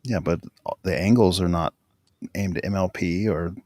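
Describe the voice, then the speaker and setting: Low-pitched guy giving his honest take on a podcast, dry close mic. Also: normal speed, a little mellow, no room sound. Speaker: podcast co-host. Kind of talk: casual chat.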